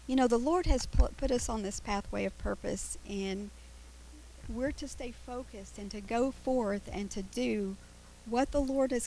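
A woman giving a Bible lesson in a halting, explanatory way, with s sounds that whistle through her teeth. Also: a little high, gravelly, darkish tone, a little hiss or hum, poor audio. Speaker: Bible teacher.

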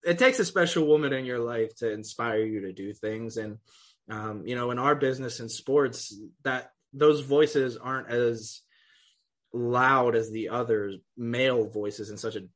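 A man hosting a casual sports podcast, chatting in a relaxed, loose way. He swears freely and breaks into laughs often. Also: medium pitch, unhurried. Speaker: podcast host.

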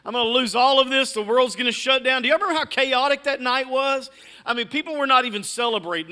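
A man's voice: very high voice, sharp tone, smooth. A middle-aged man preaching a sermon as pastor, emphatic and repeating key words. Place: church sanctuary.

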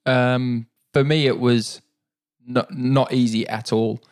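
Being interviewed, a middle-aged New Zealand man who is a para-cyclist talks slowly at a medium pitch. He's easygoing and meandering, using fillers and often starting over.

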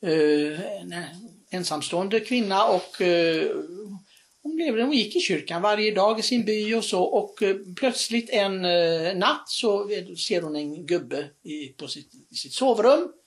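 Earnest, halting religious storyteller. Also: medium pitch. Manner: earnest, animated retelling with many restarts and hesitations.

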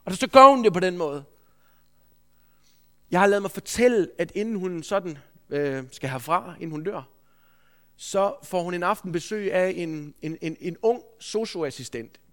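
Man, sermon storytelling, earnest, restarts often, fairly high voice. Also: pushed and bright. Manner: earnest, anecdotal, with frequent restarts. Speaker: preacher, school head.

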